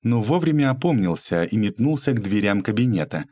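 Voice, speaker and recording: A man narrating an audiobook with an expressive reading. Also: on the low side, a little fast, dry recording, studio quality.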